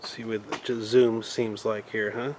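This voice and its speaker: A man's voice: lowish voice, flat delivery, measured pace, a little mellow. A man casually vlogging outdoors in his backyard, thinking aloud and poking fun at himself while he tries out a camera and a shotgun mic. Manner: rambling, self-deprecating, thinking aloud. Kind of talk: casual unboxing and testing vlog. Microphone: camera mic, then shotgun mic with windscreen. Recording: noisy outdoor camera recording.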